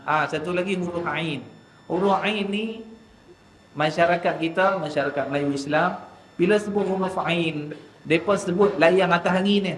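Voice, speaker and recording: A man teaching Quran recitation in a mosque class, drawing out letter sounds slowly before explaining quickly. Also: a little high, a bit bright, slight background noise. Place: mosque hall. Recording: echoey mosque hall with faint ambience.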